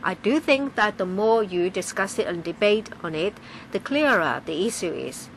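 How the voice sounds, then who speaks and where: A woman giving live interpretation of a legislative debate, halting, with frequent pauses and restarts. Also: mid-range voice, animated, slight background noise, low-quality recording. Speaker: simultaneous interpreter.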